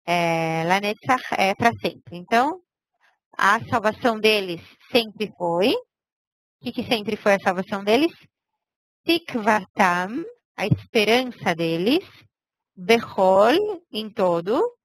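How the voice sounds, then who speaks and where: A woman's voice: mid-range voice, sing-song, slow pace, no room sound, low-quality recording. A woman teaching a language lesson, patiently explaining step by step and checking in with her students. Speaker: Hebrew teacher.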